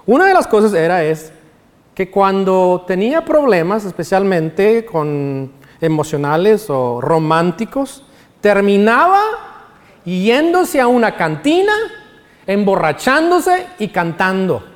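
Male pastor, sermon delivery, higher voice, reverberant hall sound. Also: very animated, slow. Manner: preaching with sung quotes of songs.

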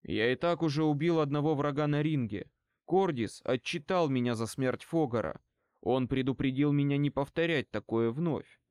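Bane, a man doing a fierce young dark-side student. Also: medium pitch, moderate pace, clear, resonant tone, no room sound, studio quality, lightly acted. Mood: guarded, explaining. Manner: heated, indignant outbursts. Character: fierce young male Sith student, proud, defensive.

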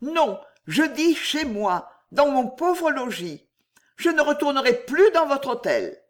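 A pale young noblewoman, voiced by a reader, pleads in a shaken, lively voice that swings up and down. She speaks slowly, as if every word costs her. Heard as a character in an audiobook reading. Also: high-pitched, pitched above the performer's own voice, full character voice. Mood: frightened.

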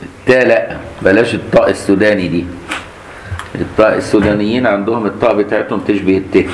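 A man with a low, deep voice and an Egyptian accent teaches Quran recitation variants. He demonstrates each reading aloud and keeps checking that his students have understood. The sound is echoey, as in a mosque, with faint background noise. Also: fairly even intonation, fast. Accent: Egyptian Arabic.

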